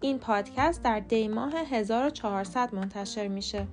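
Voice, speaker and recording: A woman with a Persian accent, hosting a podcast and giving a scripted English lesson with clear, careful enunciation of example words. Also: fairly high pitch, over music. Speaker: podcast host and English teacher.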